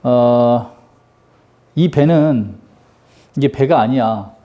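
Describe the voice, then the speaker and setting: A man's voice: mid-range voice, drawn-out words, dark tone, muffled recording. A middle-aged man teaching an English grammar lesson, joking and teasing his students with constant rhetorical questions. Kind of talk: lively classroom lecture.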